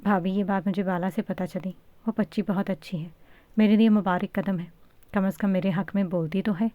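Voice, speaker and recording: A gentle middle-aged mother talks in a soft, tearful, pleading way, as a woman reading the story puts her on. The recording sounds dry and slightly muffled. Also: mid-range voice, steady tone, dry recording, lightly acted.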